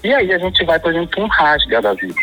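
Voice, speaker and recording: A man's voice: fairly high pitch, big pitch swings, fast, pushed and bright, soft background music, poor audio. A man with a Paraense Brazilian Portuguese accent, explaining regional slang at length in a casual chat. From Pará, Brazil. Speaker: guest discussing slang.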